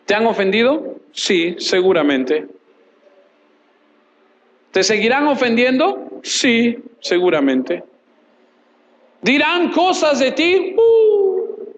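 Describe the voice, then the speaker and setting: A pastor gives a sermon in a fairly high voice for a man. He puts questions to his listeners and answers them, and he stacks short repeated phrases for emphasis. A faint ambient noise sits behind him. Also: sing-song, lo-fi sound. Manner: asks rhetorical questions and answers them himself; reads scripture aloud in a measured voice. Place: church.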